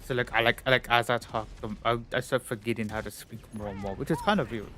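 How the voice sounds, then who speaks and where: A man's voice: mid-range voice, fast talker, noisy background. A man live streaming, chatting casually and rambling, his talk full of fillers, his voice a bit stuffy-nosed. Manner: rambling, filler-heavy, full of "like" and "you know". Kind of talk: casual chat while gaming on stream.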